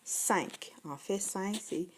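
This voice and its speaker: Slow, patient Québécois woman teacher. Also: fairly low pitch, expressive, darkish tone, slight background noise. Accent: Québécois French. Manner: patient, spells sounds out and repeats each word twice. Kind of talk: slow, patient phonics lesson for first graders.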